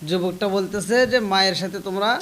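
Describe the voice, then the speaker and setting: A man preaching a sermon, moving between quick quiet storytelling and loud, drawn-out wailing chant. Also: high voice, steady tone, slight background noise. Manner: swings from soft fast telling to loud wailing chant.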